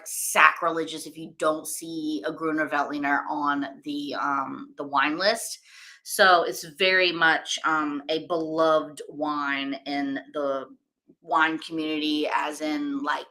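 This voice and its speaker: Bright-voiced chatty woman wine host. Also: low-pitched. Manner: chatty and rambling, many fillers; enthusiastic. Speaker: wine-tasting livestream host. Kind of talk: casual chat while tasting wine.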